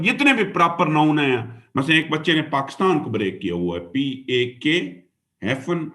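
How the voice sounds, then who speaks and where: In a mid-range voice with a fairly bright tone, a Pakistani man teaches an exam-prep class. His lecture is sprinkled with English, he spells words letter by letter, and he refers to his students as "dear student" and "son."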